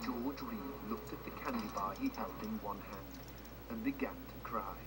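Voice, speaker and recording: In a video game, an actor voices a wry, macabre storyteller narrating a grim storybook tale with dramatic, tongue-in-cheek flair, and the TV audio is noisy. His male voice sits on the low side, moves at a moderate pace, and is only lightly acted. The mood is somber and macabre.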